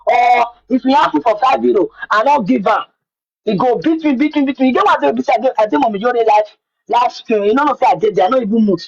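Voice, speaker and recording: A woman's voice: fairly high pitch, fast talker, gravelly, husky, muffled recording. A woman with a Nigerian accent tells her own story in Nigerian Pidgin, repeating words for emphasis. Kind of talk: personal account in conversation.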